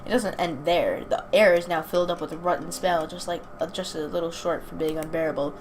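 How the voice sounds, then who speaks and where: Reading a game's text out loud and commenting on it casually, a young gaming video host sometimes stumbles over her words. Her pitch is fairly low, her intonation fairly even, and her pace a little fast, all captured in a clearly noisy amateur home recording.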